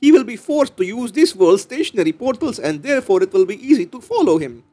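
A man's voice: extremely high pitch, big pitch swings, fast, warm tone, faint music behind, pitched above the performer's own voice, heavily acted. Brief: short round alien, emphatic explainer, put on by a male streamer. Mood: explaining.

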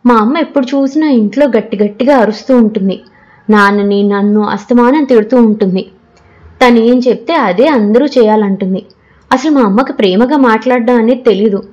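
A woman's voice: fairly high pitch, brisk, a little mellow, highs cut off, lightly acted. A woman voicing an anxious, unhappy teenage girl student who asks eager, worried questions.

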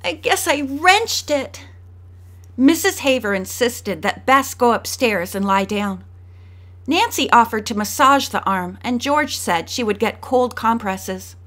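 A woman reads an audiobook aloud in a slightly high voice. She moves her pitch and pace around to give each character a voice of their own. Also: lively intonation, a little slow, a bit bright. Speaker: audiobook narrator.

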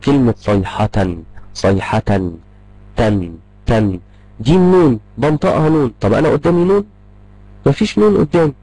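A man's voice: mid-range voice, big pitch swings, warm tone, dry recording, rough recording. A man with an Egyptian Arabic accent giving an online tajweed lesson, repeating each point and checking understanding as he goes. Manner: rapid, repetitive explaining, checks in with "tamam?". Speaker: Quran recitation teacher.

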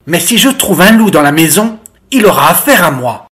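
A reader voicing a stern goat father in a storybook, gruff and grumbling. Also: mid-range voice, sing-song, moderate pace, fairly bright tone.

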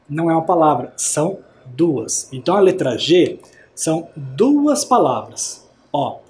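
A man teaching an adult science class, speaking patiently and clearly and often checking whether his students follow. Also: on the high side, darkish tone. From Brazil. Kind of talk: recorded class for adult learners.

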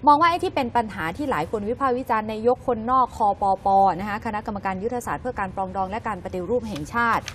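A woman's voice: fairly high pitch, slight background noise. A woman hosting a casual political news talk show, leading the panel with questions. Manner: lively, questioning, quick to laugh.

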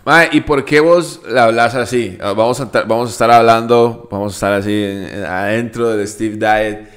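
A man with a Costa Rican accent hosts a podcast in easygoing conversation. He asks relaxed, probing questions and often restarts his sentences. His voice sits at an ordinary pitch. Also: moderate pace. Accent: Costa Rican Spanish. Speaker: podcast host. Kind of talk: casual podcast interview.

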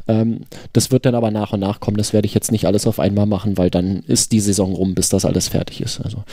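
A man with a soft-edged, mellow voice talks casually as a podcast co-host. He builds his thoughts in halting, stop-and-start phrases. The sound is close and dry. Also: fairly low pitch, level tone, no echo. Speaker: podcast co-host, website developer.

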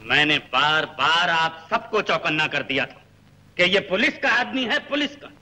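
An actor playing a ruthless, domineering male bandit leader in a 1960s film, gruff and commanding. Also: on the high side, expressive, a little slow, pushed and bright, a little hiss or hum, exaggerated voice. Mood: harsh.

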